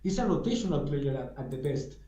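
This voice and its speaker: Mellow-voiced guy chatting football, kinda stumbly, a bit high, echoey. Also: very animated, brisk, slight background noise. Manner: hesitant, repeats words. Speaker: podcast panelist. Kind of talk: casual football podcast talk.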